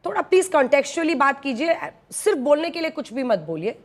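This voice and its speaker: A woman news anchor moderating a heated TV debate, pressing a panelist and cutting in with sharp questions. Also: high voice, very animated, quick pace.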